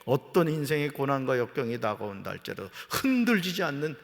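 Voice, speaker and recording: A man preaching as a pastor, swinging between hushed, quiet asides and loud, rising exhortations, and calling on the congregation to repeat after him. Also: medium pitch, sing-song, brisk, gravelly. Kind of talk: sermon. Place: church sanctuary. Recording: long church hall reverb.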